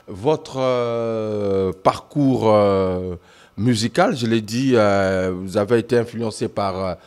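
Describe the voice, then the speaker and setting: A man's voice: fairly low pitch, slow pace, a little mellow. A man hosting a TV interview, formal and full of hesitant fillers, often addressing the audience. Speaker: TV host. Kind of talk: studio interview.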